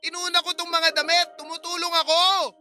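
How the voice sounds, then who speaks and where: A woman's voice: very high voice, little pitch movement, moderate pace, pushed and bright, soft background music. A woman voicing a simple-minded, childlike young husband in a radio drama, talking in repetitive, insistent phrases. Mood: fixated, insistent.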